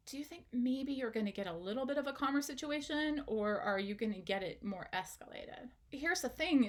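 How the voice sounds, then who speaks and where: A woman, a parenting educator, giving an instructional talk straight to the viewer, asking questions and encouraging them. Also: a little high.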